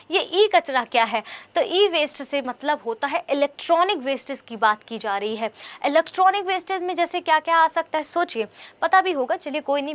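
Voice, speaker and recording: A woman's voice: sits high, a bit bright. A young woman teaching exam answers in a chatty way, asking questions and answering them herself. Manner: conversational, asks questions and answers them, says "bhai" often. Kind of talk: explaining quiz answers.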